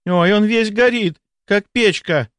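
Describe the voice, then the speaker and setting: A man's voice: high voice, normal speed, smooth, no echo, clean studio sound, voice pushed up, lightly acted. A man reading aloud, voicing a frightened young female nurse with alarmed exclamations.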